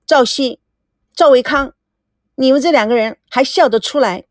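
A woman voicing a proud, quick-tempered young woman who scolds in a shrill, angry voice in a storybook reading. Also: very animated, no echo, clean studio sound. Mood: furious.

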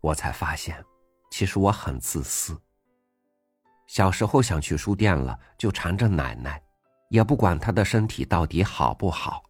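A man hosting a reading program, narrating a first-person essay in a gentle, reflective way. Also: deep voice, expressive, normal speed, breathy edge, no echo. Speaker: audiobook host reading an essay. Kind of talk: scripted narration. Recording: dry studio voice over faint music.

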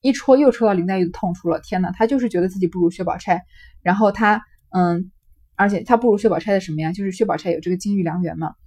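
A woman's voice: mid-range voice, quick pace, a little mellow, breathy edge. A woman who reads a classic novel aloud, then retells and explains it in a conversational way.

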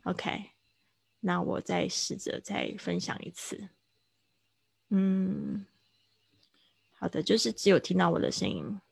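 A woman teaching English vocabulary in Mandarin on a livestream, explaining slowly and repeating words for drill. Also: lowish voice, vocal fry, husky, no echo. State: hiccuping.

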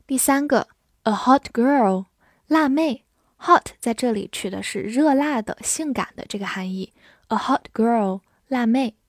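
Female vocabulary teacher, unhurried and precise, dry booth sound. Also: on the high side, lively intonation, no echo. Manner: slow, careful enunciation with spelled-out words and repeated drills. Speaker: English teacher. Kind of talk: vocabulary lesson in Chinese.

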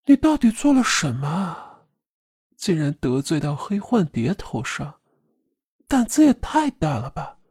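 In an audiobook drama, a woman with a deep, slightly mellow, husky voice plays a sinister clown puppet assassin, taunting and giggling in a distorted, eerie, ugly processed voice as a full character performance. The recording is clean studio sound with no room sound.

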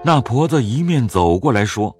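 A narrator telling a classic novel in measured scripted narration, with a husky voice. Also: mid-range voice, soft background music. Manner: measured storytelling with lively rise and fall.

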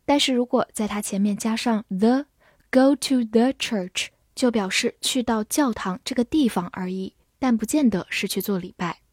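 A woman whose first language is Chinese teaches English vocabulary in a scripted lesson, spelling each word letter by letter and reading the example sentences slowly. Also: on the high side, darkish tone, no room sound, clean studio sound.

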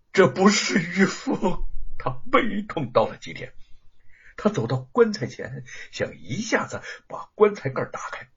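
Slow, husky man narrating a dramatic story. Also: medium pitch. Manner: emotive, dramatic. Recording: dull lo-fi recording.

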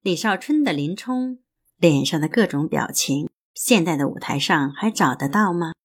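A woman host reading an essay aloud in a measured, deliberate way. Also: deep voice, expressive, breathy edge.

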